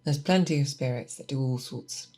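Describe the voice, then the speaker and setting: In a close-miked binaural ASMR roleplay, a woman plays a seasoned, patient monster hunter teaching an apprentice. Her rumbling low voice is soft and deliberate, explanatory and musing, with questions and thoughtful pauses.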